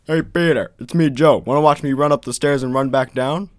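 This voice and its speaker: Eager loud cartoon neighbor man, put on by a man, upbeat. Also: medium pitch, a little fast, no echo, clean studio sound, lightly acted.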